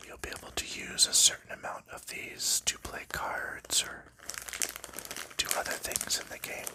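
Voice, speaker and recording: A man making ASMR content whispers softly while showing and telling about board games. He's relaxed and gentle in pace and tone, using fillers frequently.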